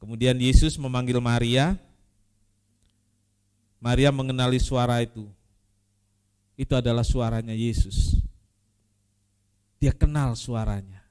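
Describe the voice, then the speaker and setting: A man preaching a sermon as pastor, repeating key phrases and swinging from loud emphasis to quiet, intimate asides. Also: mid-range voice, fairly even intonation, a little slow, long pauses, clean tone.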